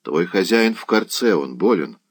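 A man reading an audiobook, voicing a small knight who speaks in a measured, sober way. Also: deep voice, lively intonation. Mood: grave. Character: small knight, calm and grave.

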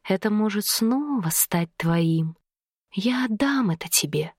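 A woman voicing a seductive, half-fish female river creature, speaking in a slow, coaxing whisper. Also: medium pitch, lively intonation, slightly rough, dry recording, clean studio sound.

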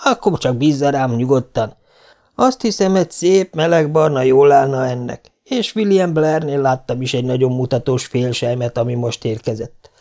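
A man's voice: mid-range voice, a little mellow, close to an everyday voice. A man voicing a talkative, obliging neighbour woman, eager to help. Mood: eager, chatty. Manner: chatty and obliging.

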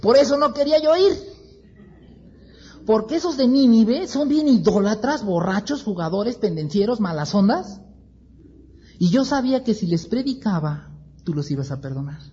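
A man's voice: high-pitched, animated, fairly quick, hardly any pauses, warm tone, dull audio. A man doing an indignant, sulky Jonah. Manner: whiny, indignant complaining.

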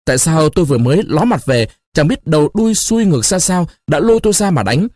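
A man doing a shrill, defiant young wife. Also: very animated, quick pace, no room sound. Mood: indignant. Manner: shrill, sharp and stubborn. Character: young woman, a wronged wife, indignant and defiant.

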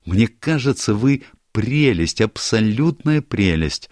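A man's voice: fairly low pitch, animated, slow, a little mellow, dry recording, studio quality, pitched above the performer's own voice. A man voicing a teasing, outspoken young woman in an audiobook, gushing and theatrical. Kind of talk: audiobook character voice.

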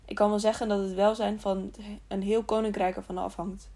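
A woman's voice: mid-range voice, little pitch movement, brisk, warm tone, close to an everyday voice. A woman reading an urgent old hooded stranger. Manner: urgent, pleading. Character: mysterious old man in a hooded robe, urgent.

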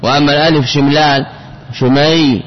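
A man's voice: a little high, fairly even intonation, fast talker. A man teaching a classical Arabic grammar lesson, repeating words and spelling out patterns syllable by syllable. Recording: dull lo-fi recording with long reverb and faint noise.

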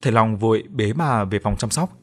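A man narrating an audiobook story in a steady, even storytelling voice. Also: on the low side, normal speed. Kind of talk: scripted storytelling.

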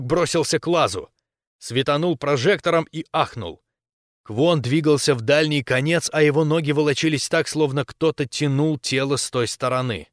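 A man narrating a first-person science fiction story in a steady storytelling manner. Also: on the high side, dry recording, studio quality. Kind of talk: audiobook narration.

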